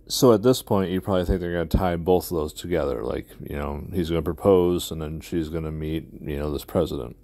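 A man pausing a clip to comment wryly on what was said. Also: very deep voice, gravelly, warm tone, dry recording. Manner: wry, sarcastic asides. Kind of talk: reaction commentary.

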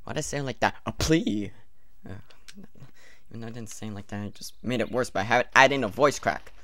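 A man's voice: mid-range voice, brisk, fairly bright tone, no room sound, studio quality. A young man joking and sarcastically commenting as he plays a game. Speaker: let's play commentator. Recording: game music behind.

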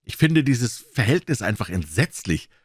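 A man voicing a calm, level-headed gentleman in a read-aloud crime story, speaking in a measured, earnest way. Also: medium pitch, husky, no echo, studio quality, voice pushed up.

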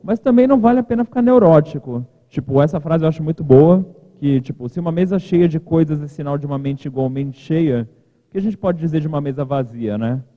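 A man speaks casually from a podium, his slightly high voice ringing out in a big reverberant hall. The sound is thin and narrow, almost like a phone line. He talks in a loose, informal way with joking asides. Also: lively intonation, brisk. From Brazil. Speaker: conference keynote speaker. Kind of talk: casual conference talk. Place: large conference hall, at a podium.

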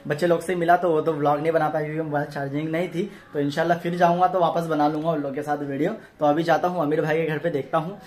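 A man's voice: fairly high pitch, steady tone, fast talker, few pauses, a little mellow, slight background noise. A man, talking loosely and casually as a vlogger into a handheld phone. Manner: chatty, loose and conversational. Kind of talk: casual vlog narration.

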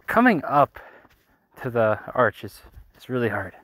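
A man's voice: mid-range voice, sing-song, a little slow, a bit bright, no echo. A young Canadian man vlogging on a phone while walking a desert trail at night, rambling and mocking himself, tired from the hike. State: tired, a bit out of breath from hiking. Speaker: travel vlogger. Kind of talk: casual night hike vlog. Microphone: phone held while walking.

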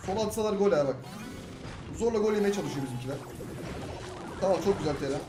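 A young man from Turkey commentating his own gameplay, jumping between loud excited outbursts and low grumbling complaints. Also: quick pace. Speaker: gaming YouTuber. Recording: echoey room with game music.

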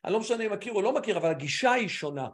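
A man's voice: sits high, expressive. A man hosting a live online talk as a mental coach, speaking animatedly with frequent restarts and emphatic repetition.

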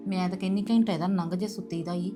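A woman's voice: fairly low pitch, steady tone, quick pace, music in the background, lightly acted. Woman playing a scheming, complaining mother. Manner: complaining, conspiratorial. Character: scheming middle-aged mother, worried and resentful. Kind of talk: web drama acting.

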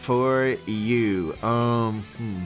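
A man bantering excitedly as he plays a game against a friend, exclaiming and repeating his phrases. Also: medium pitch, extremely slow, faint music behind. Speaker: gaming video host playing a battle against a friend.

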